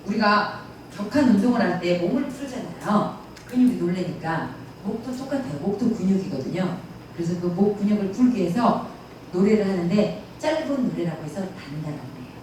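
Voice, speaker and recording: A woman's voice: mid-range voice, animated, brisk, mellow. Folksy female lecturer, recorded far off in an echoey room with faint noise. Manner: chatty, folksy, mimics dialect phrases. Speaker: pansori lecturer. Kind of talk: casual lecture with audience questions. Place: lecture room at a cultural center. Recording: echoey hall, distant mic.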